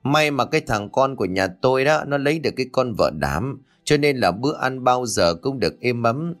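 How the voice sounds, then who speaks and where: A man voicing a shrill, gossiping older woman guest in a spoken ghost story. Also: animated, fairly quick, soft background music, lightly acted.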